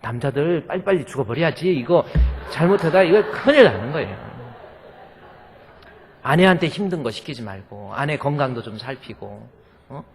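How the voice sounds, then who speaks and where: A man's voice: medium pitch, lively intonation, normal speed. A male pastor preaching a sermon in a church, folksy and joking with the congregation. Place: church sanctuary. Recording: long hall reverb.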